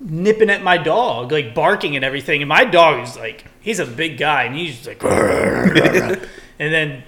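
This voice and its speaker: Young male co-host, bright and a bit high voice, casual and profane, rambling rants. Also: normal speed. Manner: rambling, profane, animated when ranting. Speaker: podcast co-host. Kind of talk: casual chat.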